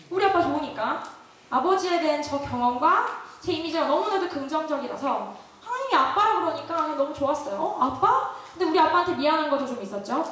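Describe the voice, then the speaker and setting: A young woman with a high, slightly bright voice delivers a sermon built around a personal story, laughing and putting questions to her listeners. The distant mic catches a very echoey hall.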